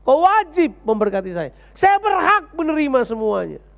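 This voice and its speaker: A man preaching a Sunday sermon as pastor, telling a story with animated delivery and acting out the characters. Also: extremely high pitch, normal speed, gravelly. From Indonesia. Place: church service.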